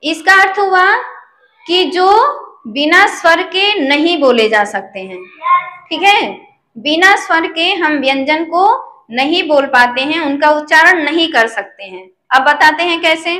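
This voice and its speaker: In an echoey room, a woman teaches a slow Sanskrit lesson, patiently stopping to make sure her students follow. She speaks in a high, bright voice with a forceful tone and lively intonation, never rushing.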